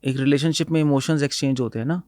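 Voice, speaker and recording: A man's voice: mid-range voice, steady tone, quick pace, a little mellow, no room sound. A man who is a spiritual teacher, explaining scripture in casual conversation, switching between Hindi and English and quoting Sanskrit verses. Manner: mixes Hindi and English, quotes Sanskrit verses, laughs often.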